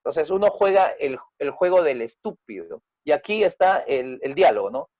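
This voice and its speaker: A man teaches a group lesson as a family therapist. His voice sits a little high and sounds dry and close, with no room around it. He explains patiently and keeps checking that his listeners follow. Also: sing-song, moderate pace, darkish tone, no room sound, lo-fi sound. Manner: acts out quoted dialogue with raised pitch and volume.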